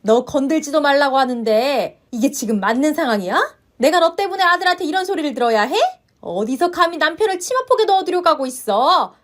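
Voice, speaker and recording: A woman's voice: high-pitched, lively intonation, fairly quick, a bit bright, voice pushed up. A woman voicing a domineering, scolding older mother-in-law with harsh, contemptuous reproaches in a narrated story. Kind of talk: story narration with voiced roles.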